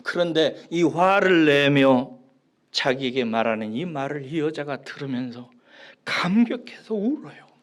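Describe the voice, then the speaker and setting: A male pastor preaching a sermon, dropping to hushed whispers and rising to emphatic, raised lines. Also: on the high side, expressive, unhurried.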